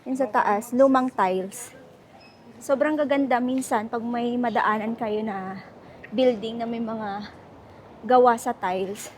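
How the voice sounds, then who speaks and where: Young woman vlogging on the go: chatty, laughs a lot, mixes Tagalog and English, a bit high-pitched. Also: steady tone, a little slow, slight background noise. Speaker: travel vlogger. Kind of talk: casual travel vlog chat. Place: outdoors on city streets.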